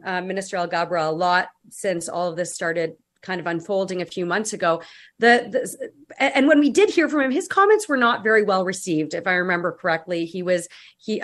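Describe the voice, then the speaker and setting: A woman's voice: medium pitch, fairly bright tone. A woman guest-hosting a radio talk show, chatty and sarcastic, with frequent restarts.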